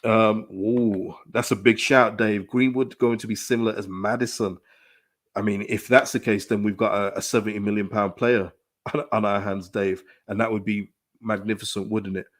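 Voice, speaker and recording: Live-streaming fan commentary on his football club, this channel host reads chat in a hoarse, dry-throated voice that sits on the low side. At a moderate pace he speaks emphatically and animatedly, with plenty of repeated phrases and restarts.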